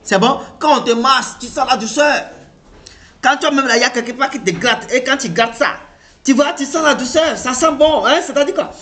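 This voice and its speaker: A man with an African French accent giving an animated motivational talk, repeating himself and firing rhetorical questions at the listener. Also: very high voice, moderate pace. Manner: animated, repetitive, rhetorical questions, acts out reactions. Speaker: motivational speaker.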